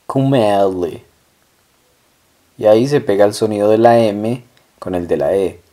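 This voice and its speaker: A man's voice: on the low side, warm tone. A man teaching a language lesson, stating example phrases and then repeating them patiently. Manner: patient, drawn-out model words.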